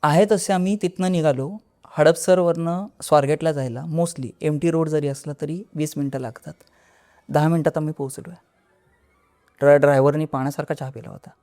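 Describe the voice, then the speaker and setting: A man's voice: on the high side, fairly even intonation, moderate pace, warm tone. A man, a podcast guest, telling a first-person horror story in a conversational way, with restarts, acting out what people said. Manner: vivid, acts out dialogue.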